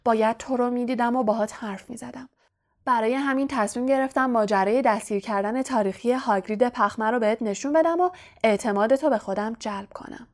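Woman reading a young male wizard, scheming, gloating, silky and soft, menacing, slightly high voice, audiobook. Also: natural voice. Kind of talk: audiobook character voice.

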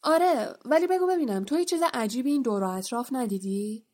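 A woman voicing a huge, gruff male half-giant gamekeeper, speaking loudly and in a blustering, nervous way in an audiobook. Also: a little high. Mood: eager. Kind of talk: audiobook character voice.

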